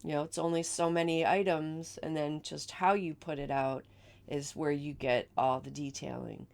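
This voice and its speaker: Crafting host, woman, low and gravelly, raspy today, chatty and upbeat. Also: steady tone, moderate pace, a little mellow. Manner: chatty, enthusiastic, with fillers and repeats. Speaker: card-making channel host. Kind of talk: casual crafting tutorial.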